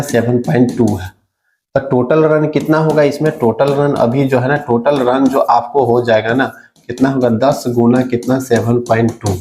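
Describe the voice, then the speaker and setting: A man's voice: medium pitch, a little mellow. Male math teacher, mid-range voice, step-by-step quiz-and-answer delivery, roomy echo. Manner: repeats questions to the student and answers them himself; talks through sums step by step. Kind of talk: exam-prep math lesson. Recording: echoey room recording.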